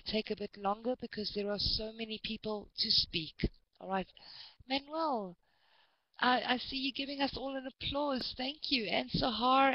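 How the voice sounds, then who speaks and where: A woman's voice: on the high side, no room sound, lo-fi sound. A woman from South Africa teaching English to a large online class, patient and encouraging, often repeating students' names.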